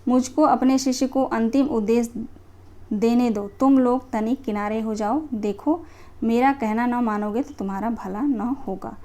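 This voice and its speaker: Woman reading as a calm old guru. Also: a little high, unhurried, natural voice.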